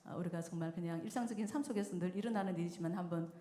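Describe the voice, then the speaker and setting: A woman's voice: on the low side, very fast. Woman preaching in an echoey church. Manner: lively storytelling, acting out quoted voices with frequent chuckles. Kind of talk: sermon at a mothers' prayer meeting. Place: church sanctuary. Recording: echoey church hall with long reverb.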